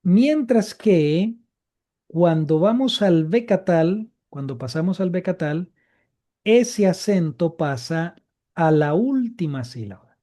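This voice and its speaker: A man's voice: high voice, lively intonation, slow, mellow. A man teaching a live Biblical Hebrew grammar class, explaining patiently and repeating each key point.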